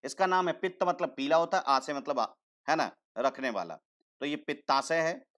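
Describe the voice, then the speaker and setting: A man teaching a science class, slowly repeating terms and asking the class questions before he answers them himself, often calling students "beta". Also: fairly high pitch, lively intonation, fairly bright tone. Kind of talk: online science lesson.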